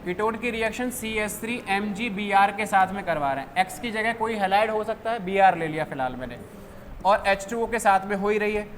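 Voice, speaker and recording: A young man teaching a chemistry class who keeps asking questions and answering them himself, dropping low on each answer. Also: a little fast, fairly bright tone. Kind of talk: classroom lecture. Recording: faint background noise.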